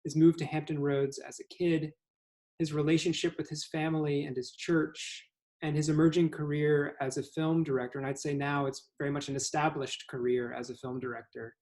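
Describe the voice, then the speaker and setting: Higher-voiced male interviewer. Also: flat delivery, normal speed, darkish tone. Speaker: museum host and interviewer. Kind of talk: hosted conversation.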